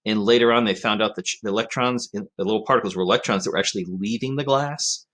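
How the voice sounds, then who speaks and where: A man's voice: on the low side, fast, a bit bright. A man talks through a physics lesson. His delivery is conversational, with fillers and frequent "right?" prompts to the student. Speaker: physics teacher. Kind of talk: recorded classroom lecture.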